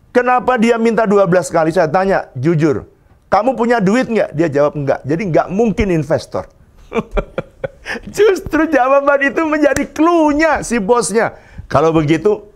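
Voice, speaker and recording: Male pastor, sermon, animated storytelling, chuckles often, mid pitch. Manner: animated storytelling with acted quotes. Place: church sanctuary.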